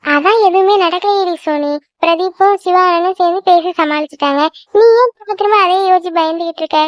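A woman voicing a young woman in a Tamil-language cartoon, chatting in a brisk, reassuring way. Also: very high voice, no room sound.

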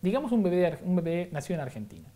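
Racing along in a high, mellow voice with big pitch swings, a Rioplatense-accented man explains science as a guest in an interview. He's didactic, offering examples and tossing in a rhetorical "¿no?" again and again.

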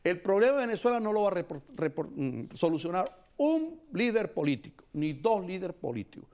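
Man, 60s, priest, preaching tone, slightly high voice, studio lapel mic. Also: very animated, a little fast, darkish tone. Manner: emphatic, preaching, gestures broadly. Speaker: priest guest. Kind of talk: heated panel debate.

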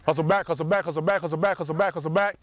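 A middle-aged man coaching football drills outdoors, yelling short, repeated commands from the sidelines. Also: fairly high pitch, fairly even intonation, racing, no echo. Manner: clipped, repetitive commands. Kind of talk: drill instructions on the practice field.

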